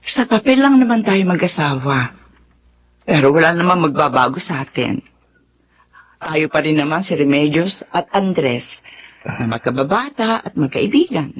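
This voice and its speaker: A woman's voice: sits low, expressive, normal speed, dull audio, a little hiss or hum. An actress in a Tagalog radio drama playing Remedios, a practical, earnest middle-aged woman who reasons matter-of-factly. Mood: firm, persuading.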